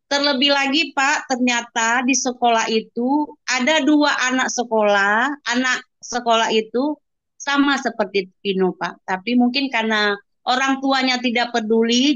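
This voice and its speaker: A woman's voice: on the high side, a bit bright, no echo. A mother telling an interviewer about her child in an earnest testimonial, often calling him "sir" and exclaiming thanks to God. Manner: addresses the listener as "Pak" constantly, with pious exclamations. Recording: dull, lo-fi dry recording.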